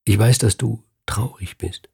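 A devoted farmer's wife from a dark storybook, as a male reader speaks her lines. Her words come slow and low, with a husky gravel. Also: full character voice. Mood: earnest. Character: kind, self-sacrificing farmer's wife.

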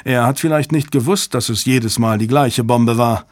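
A man's voice: mid-range voice, moderate pace, dry recording, close to an everyday voice. A man reading a terse male agency director, clipped and commanding. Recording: dry close studio sound.

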